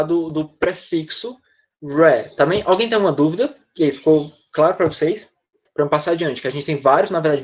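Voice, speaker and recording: A male Brazilian teacher with a Brazilian Portuguese accent explaining words to students in an online class, often checking in with short questions. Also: on the high side. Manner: explanatory, uses tag questions like "né?" and "tá?". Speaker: English teacher. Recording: dull lo-fi online class audio.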